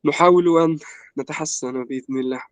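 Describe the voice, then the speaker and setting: A young man from Egypt, a language student in an interview, explaining at a measured pace with lots of filler words. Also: on the high side, dry recording. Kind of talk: casual conversation in formal Arabic.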